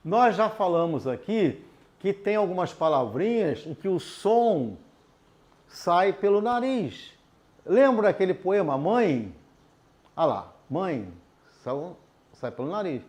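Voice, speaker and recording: A man's voice: sits high, sing-song, darkish tone. A man teaching an adult literacy lesson at a board, explaining patiently and checking in with the class. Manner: patient, explains slowly with checks like "tudo bem?".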